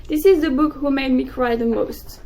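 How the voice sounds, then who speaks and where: A young woman, a native French speaker, chatting excitedly about books in a casual vlog. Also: sits high, rough recording. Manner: excitable, gushing, quick bursts. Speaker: book vlogger. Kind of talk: casual chat to camera.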